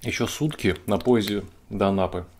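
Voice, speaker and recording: A man's voice: fairly low pitch, normal speed, darkish tone, a little hiss or hum. A man in casual chat, talking while chewing food and rambling with fillers. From Russia's Far East. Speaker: mukbang co-host.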